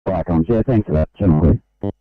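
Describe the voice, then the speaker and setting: A man's voice: low voice, normal speed, no room sound. A man working as an emergency dispatcher, giving procedural replies over a two-way radio. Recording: tinny narrow-band radio transmission.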